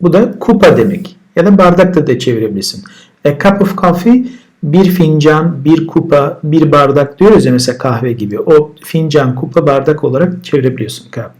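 A man giving a vocabulary lesson at a relaxed, explaining pace. He says each word twice before he translates and explains it. His voice sits a little on the higher side. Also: brisk. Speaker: English teacher.

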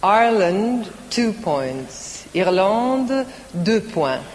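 A woman presenting a live song contest, reading each score in English and then in French in a measured way. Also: mid-range voice, very animated, a little hiss or hum. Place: large concert hall. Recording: live broadcast from a concert hall with audience.

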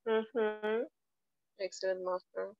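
A Peruvian woman with a Peruvian Spanish accent runs a bilingual online English lesson, patiently explaining grammar step by step and offering her students praise. Her medium-pitched voice is gravelly, slow and steady in tone, and the audio sounds dull.

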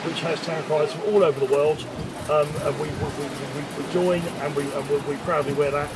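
A man's voice: a little high, steady tone, normal speed, very noisy. A middle-aged man with an English accent giving an informal, hesitant interview, often repeating words as he explains. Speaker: town crier being interviewed. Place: outdoors on a seaside pier bench.

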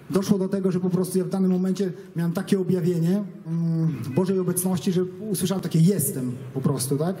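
Man sharing a nervous spoken testimony, high for his sex, fast. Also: warm tone. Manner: earnest, halting, with many restarts and fillers. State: nervous, stage fright. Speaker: person giving a religious testimony. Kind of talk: spoken personal testimony to an audience.

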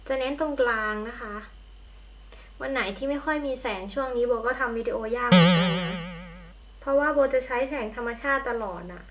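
A woman's voice: fairly high pitch, a bit bright. A young woman, a beauty vlogger at home, chatting casually while she walks through a makeup tutorial. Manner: chatty, friendly, talks while applying makeup. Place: at home by a window in natural light. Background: passing trains.

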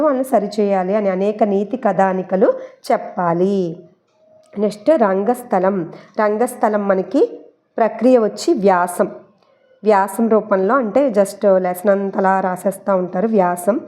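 A woman's voice: medium pitch, warm tone. A woman teaching exam prep, chatting her way through memory tricks, repeating key points and mixing in English words. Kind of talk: explaining memory tricks for a Telugu syllabus.

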